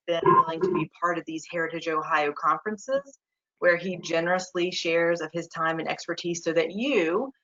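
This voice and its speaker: A woman hosting a conference, giving a steady, grateful introduction of the speaker. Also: lowish voice. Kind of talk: formal introduction. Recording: dull, lo-fi remote audio.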